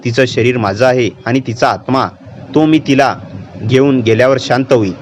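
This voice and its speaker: A man's voice: mid-range voice, moderate pace, a little hiss or hum, lightly acted. A man putting on a possessed girl with a vengeful spirit. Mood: menacing. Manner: cold, menacing, calmly taunting. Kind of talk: storytelling narration.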